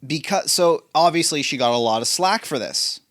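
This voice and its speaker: A man's voice: on the high side, expressive, normal speed, fairly bright tone. A man co-hosting a podcast in casual chat, telling stories in a loose, rambling way. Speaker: podcast co-host.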